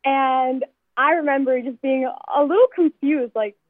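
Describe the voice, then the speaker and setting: A young woman in her twenties talks in a chatty, upbeat way, telling her story as a singer guest. Her voice is high and bright in pitch. She comes through a thin, tinny phone line with a dry, close sound. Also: unhurried, dry recording. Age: 20s. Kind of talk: phone-in radio interview.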